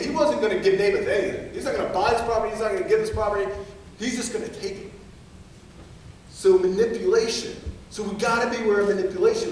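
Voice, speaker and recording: A man preaching a sermon in a lively, playful way, acting out quotes in funny voices and laughing often, recorded in a church sanctuary. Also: sits high, a little hiss or hum. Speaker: pastor. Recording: very echoey church sanctuary from far off.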